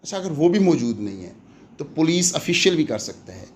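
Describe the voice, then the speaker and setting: A law lecturer with a Pakistani accent speaks fairly quickly and very animatedly in a fairly high pitch, with a little hiss or hum on the recording. His explanatory exam-prep lecture is didactic, switching between Urdu and English as he poses and answers questions.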